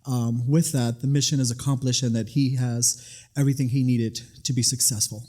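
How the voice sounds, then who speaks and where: Middle-aged man from New York, medium pitch. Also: steady tone, moderate pace, dark tone. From Bronx, New York, USA. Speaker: guest, Air National Guard first sergeant. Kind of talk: conversational interview answers.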